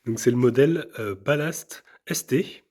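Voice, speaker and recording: A man with a somewhat husky, mid-pitched voice hosts a casual unboxing vlog. He chats with his viewers as he goes, enthusiastic and loose. He pads his talk with fillers and repeated words. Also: a little slow, darkish tone. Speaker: vlogger unboxing an e-bike.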